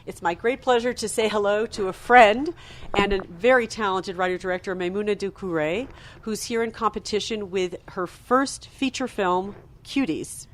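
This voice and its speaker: A woman host leads an interview from a festival studio, speaking at an ordinary middle pitch. She frames long, detailed questions and keeps talking smoothly, with the occasional um along the way. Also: moderate pace, slight background noise. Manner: fluent, long framing questions with fillers.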